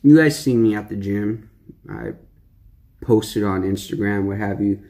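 A young man addresses the camera in a mukbang vlog with a low-ish, mellow voice at a measured pace. He chats in a laid-back, slangy, rambling way, using lots of fillers.

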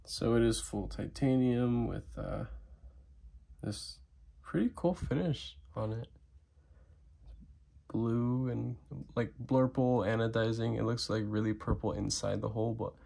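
A man chatting casually through an unboxing vlog, thinking aloud with relaxed fillers. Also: mid-range voice, measured pace, gravelly. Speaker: knife and gear reviewer.

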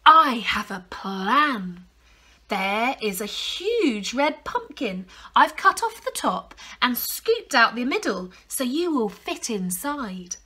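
Kind granddaughter in a storybook, gentle and reassuring, bright tone; a woman voices her. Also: a little high, very animated, takes it slowly, breathy edge, heavily acted. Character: kind clever young granddaughter.

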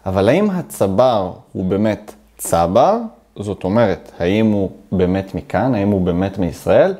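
A young man from Israel teaches a Hebrew video lesson, sounding out syllables slowly and with care. His voice sits low and mellow. His pitch swings up and down as he explains. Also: animated. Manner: slow, careful, stresses syllables to show pronunciation.

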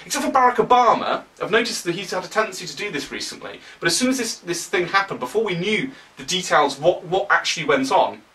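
A young man with a British accent giving animated, opinionated commentary to camera, often sarcastic. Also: high voice, fast talker, hardly any pauses, far from the mic, rough recording. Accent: British English. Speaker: political vlogger.

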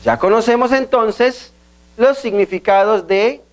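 A man teaching a recorded language lesson, slowly and deliberately modelling pronunciation and checking in with the learners. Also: sits high. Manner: slow, deliberate pronunciation drills with frequent "¿cierto?" check-ins.

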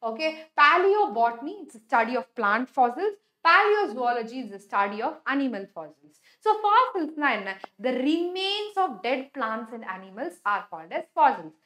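A woman's voice: high-pitched, very animated, fairly quick, sharp tone. A young woman with a South Indian Tamil accent, a native Tamil speaker, teaching a biology lesson emphatically, repeating key words and checking in with short questions. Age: young adult. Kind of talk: animated classroom lecture, reading and explaining slides. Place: indoor teaching studio with a display board. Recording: echoey room sound.

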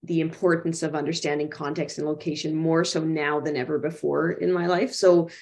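Her voice deep and a little mellow, this middle-aged Torontonian talks fairly quickly with a flat delivery. She's a guest speaker on an online panel, reflecting personally via a video call microphone from a room in her home.

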